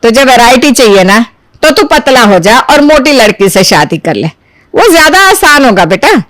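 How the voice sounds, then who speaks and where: A woman's voice: fairly high pitch, very animated, normal speed, a bit bright, no room sound. A woman voicing a middle-aged mother in a cartoon who reasons patiently with her son. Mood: coaxing. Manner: coaxing, reasoning.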